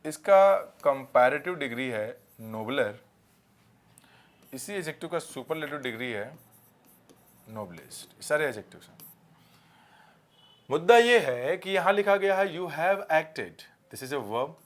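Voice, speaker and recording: A medium-pitched, animated man teaches grammar for exams. Speaking Hindi, he explains with English mixed in and slowly reads through examples.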